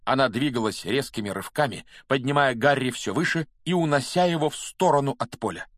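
A man narrates a fantasy audiobook with brisk, steady storytelling. His voice sits at an ordinary middle pitch. The recording is close and dry, with no room sound. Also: no room sound. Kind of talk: scripted narration.

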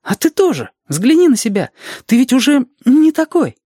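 A reader putting on Reshka, a high eager boy. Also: sing-song, moderate pace, mellow, breathy edge, no echo, clean studio sound, heavily acted. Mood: pleading. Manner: high, pleading, restless. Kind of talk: audiobook reading.

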